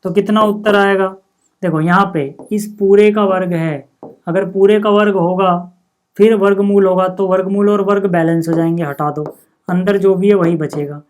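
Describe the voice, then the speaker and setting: A high-voiced man gives a step-by-step, blackboard-style maths lesson, patiently splitting each calculation into small parts. He poses rhetorical questions to the class about what comes next, then answers them. He checks in often with "okay" and "see" before moving on.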